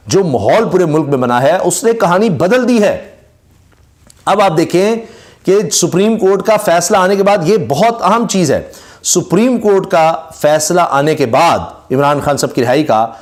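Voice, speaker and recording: A man delivering political news commentary in a scornful tone, often asking rhetorical questions. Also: high-pitched.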